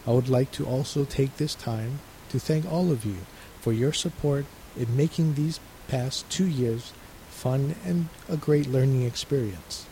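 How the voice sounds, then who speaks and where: Man, resident minister, calm measured radio sermon, mellow voice, faint hiss. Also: mid-range voice, low-quality recording.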